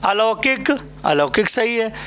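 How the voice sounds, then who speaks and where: A man with a north Indian Hindi accent runs a spelling drill for exam aspirants. His voice sits high, and he takes his time, saying each word several times. He keeps checking in with short tag questions. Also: expressive, a little slow, a bit bright, clear, resonant tone. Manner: addresses students fondly as "बेटा" and "भाई मेरे". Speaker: Hindi exam coaching teacher. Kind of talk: spelling lesson at a board.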